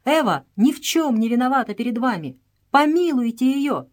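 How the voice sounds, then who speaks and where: A woman's voice: on the high side, sing-song, moderate pace, voice pushed up. A woman reading an audiobook voices a devoted young girl who begs for her sister's life. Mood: pleading. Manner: begging, tender.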